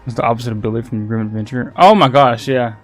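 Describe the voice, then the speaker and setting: A male game streamer chats casually with his viewers, rambling through restarts and repeated words. His voice sits at an everyday middle pitch. Faint game music runs underneath. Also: fast. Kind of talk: casual livestream gaming chat.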